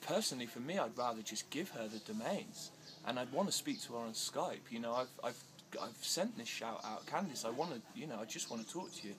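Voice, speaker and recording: This man, interviewed casually outdoors in India amid background noise, has a mid-range voice with lively intonation and a brisk delivery, hardly pausing. Still, he's hesitant, full of fillers and restarts, and growing agitated.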